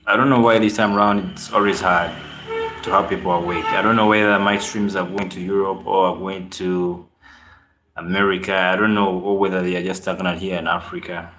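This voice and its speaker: A man with a Ugandan accent hosts a relaxed live stream, chatting to viewers and reading their comments aloud. His voice sits fairly low and sounds roomy, with echo from the space around him. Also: brisk, background noise. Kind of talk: casual live-stream chat.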